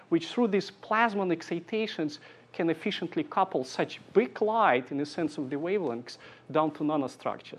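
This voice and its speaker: Man giving a halting lecture. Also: on the high side, breathy edge. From Siberia, Russia. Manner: halting, thoughtful phrasing with dry humor. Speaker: engineering lecturer. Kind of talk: academic lecture.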